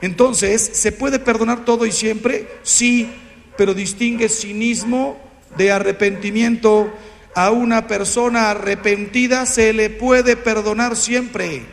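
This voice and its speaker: A Mexican priest in his fifties giving a lively, humorous talk with a Mexican Spanish accent, acting out the voices he quotes. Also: high-pitched, slow, gravelly, long reverb tail. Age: 50s.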